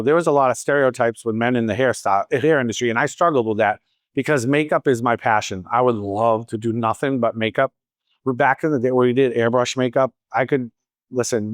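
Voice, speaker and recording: Recorded at studio quality with no echo, a medium-pitched man in his fifties chats in a casual Q&A at a training event. He's a salon owner from Boston with a slight accent who answers audience questions and tells stories with wry asides.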